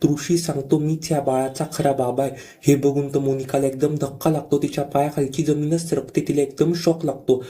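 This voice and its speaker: A man narrating a TV serial plot recap in a steady, scripted retelling, reading out the characters' lines without putting on voices. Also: a little high, a little fast, hardly any pauses.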